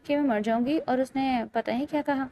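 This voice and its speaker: A woman's voice: sits high, warm tone, lightly acted. A woman reading as a heartbroken, tearful young woman. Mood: despairing. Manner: weepy, bitter, hopeless.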